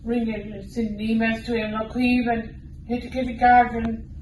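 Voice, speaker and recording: A woman's voice: a little high, monotone, moderate pace, a little mellow. A woman with a west of Ireland accent answering informally in an interview, often repeating herself. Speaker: campaign interviewee. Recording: echoey room, distant mic, faint noise.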